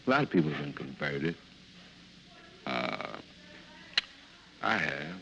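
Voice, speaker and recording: A man with an extremely deep, creaky and bright-edged voice talks in a casual, folksy way. There is faint noise behind him. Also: big pitch swings, slow pace, lo-fi sound. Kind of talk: casual interview talk.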